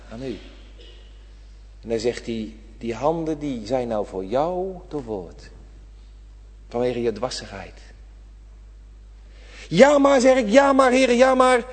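A man preaching a sermon, impassioned, swinging from loud appeals to hushed whispers, in a church. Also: on the high side. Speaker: pastor. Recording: reverberant church hall.

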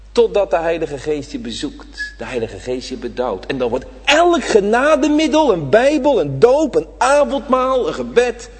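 A man preaching a sermon to his congregation, swinging between loud emphatic lines and hushed ones. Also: high-pitched, breathy edge. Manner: addresses the congregation directly. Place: church. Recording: reverberant church hall.

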